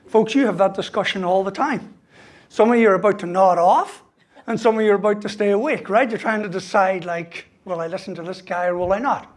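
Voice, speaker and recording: A man giving a humorous motivational talk as a university lecturer, asking "right?" after most points. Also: high voice. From Ireland. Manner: joking, ends lines with "right?".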